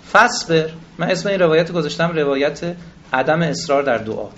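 A man's voice: fairly high pitch, animated, slight background noise. A man giving a religious lecture, reciting scripture and explaining it in everyday speech, asking the audience questions. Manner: self-deprecating, addresses audience with questions. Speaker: cleric lecturer. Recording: dull lo-fi recording.

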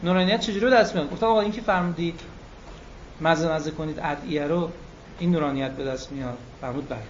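A high-pitched man delivers an animated religious lecture, slowing down and stretching key words for emphasis. The recording is dull and lo-fi, with a faint hum of room noise behind him. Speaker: preacher.

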